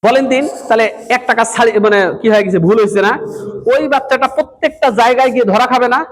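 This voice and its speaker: A man's voice: very high voice, fast, a little hiss or hum. A man, training madrasa teachers in a lecture and repeatedly quizzing his audience. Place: madrasa hall. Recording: echoey hall with long reverb.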